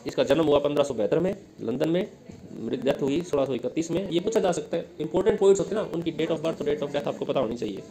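Indian man, exam-prep lecture, fairly high voice, quizzes himself, slow english read-outs. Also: animated, background noise. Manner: explains in Hindi, reads English lines slowly; asks questions then answers them himself. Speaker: teacher.

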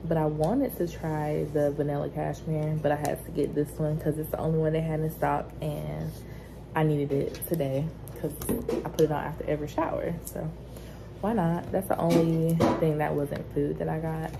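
A young woman chatting casually through a day-in-the-life vlog, relaxed and full of fillers. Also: sits low, moderate pace, creaky, background noise. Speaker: vlogger.

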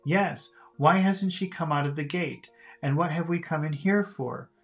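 A man's voice: a little high, measured pace, gravelly, faint music behind, voice pushed up. A man reading an audiobook, voicing a frightened young boy in an anxious, pleading tone.

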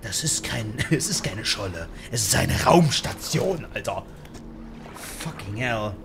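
A young man chatting casually through a game as a YouTuber, slangy, joking and reacting loudly. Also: lowish voice, lively intonation, unhurried, over music. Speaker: gaming YouTuber. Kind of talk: casual let's-play commentary.

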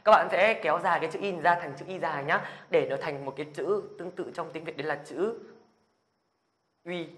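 This man's voice runs fairly high and bright, and he talks fast with hardly a pause. He's giving a beginner language lesson, patiently checking after every point whether viewers are following, then energetically drilling the sounds aloud.

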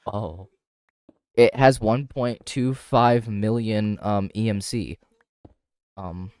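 A man's voice: lowish voice, steady tone, takes it slowly, darkish tone, clear, resonant tone, dry recording, clean studio sound. A man chatting casually while playing a game with friends, often reading item names aloud in a playful way. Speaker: gamer. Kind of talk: casual gaming chat.

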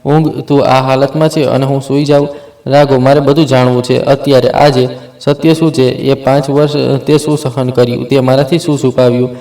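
Grieving lady officer demanding answers, urgent and pleading, monotone, done by a man. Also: medium pitch, a little fast, close to an everyday voice, low-quality recording. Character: grieving young woman police officer, fierce.

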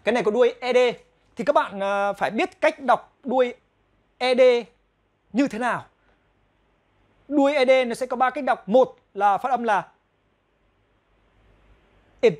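Vietnamese man slowly modeling English phrases. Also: very high-pitched. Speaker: English teacher. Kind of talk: pronunciation lesson.

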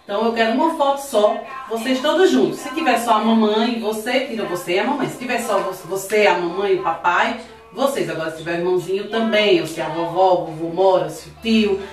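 A woman with a Brazilian Portuguese accent, teaching kindergarten children in an online lesson. She asks patient, sing-song questions and spells words out slowly. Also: mid-range voice, roomy sound, faint music behind. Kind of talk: slow, clear online lesson for young children.

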